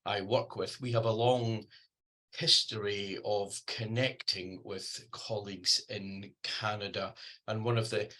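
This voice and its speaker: A man with a Scottish accent giving a presentation over a video call, pausing often with ums and restarting sentences. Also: lowish voice, bright, forceful tone. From Scotland. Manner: hesitant, many ums and restarts. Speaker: guest speaker. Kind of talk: online presentation talk.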